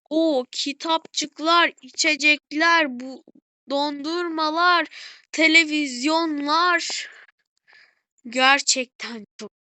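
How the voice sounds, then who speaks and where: A high, bright female voice giving casual gameplay commentary, heard dry and close with no room around it. She is excitable, keeps turning to her viewers, and gushes over every little detail she finds. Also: dry recording. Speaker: gaming channel host.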